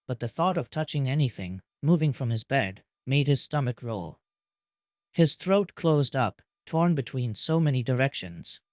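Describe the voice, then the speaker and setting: Man narrating calmly, dry close sound. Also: medium pitch, no echo. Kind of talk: scripted narration of fan fiction.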